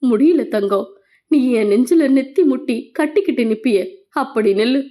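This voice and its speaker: A woman's voice: a little high, lively intonation, moderate pace, mellow, natural voice. A woman voicing a tearful devoted young man. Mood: tearful pleading. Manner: tearful, pleading.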